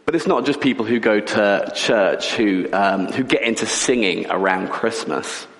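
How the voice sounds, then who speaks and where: In a church building, a man with a lowish voice delivers a chatty, joking sermon at an unhurried pace. A cold leaves him croaky and clearing his throat often, and the hall adds a long reverb.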